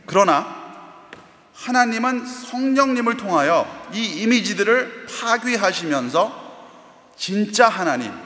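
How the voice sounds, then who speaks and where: Middle-aged pastor guy preaching, bright clear voice, big church echo. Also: sits high. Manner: earnest storytelling, asks the congregation questions. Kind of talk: sermon. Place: church sanctuary. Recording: echoey church hall reverb.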